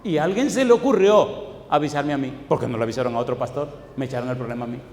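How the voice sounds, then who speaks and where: A man's voice: medium pitch, fast, darkish tone. A male pastor preaching a sermon, telling stories from his own life and pressing the congregation with rhetorical questions. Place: church hall. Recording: echoey hall, faint background noise.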